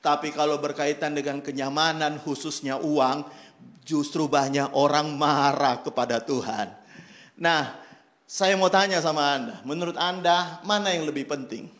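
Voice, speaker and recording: A man preaching a sermon with a rather high voice. He speaks earnestly, drawing out his key phrases for emphasis, and his words echo through a reverberant church hall. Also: normal speed, fairly bright tone. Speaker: pastor. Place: church during an online service.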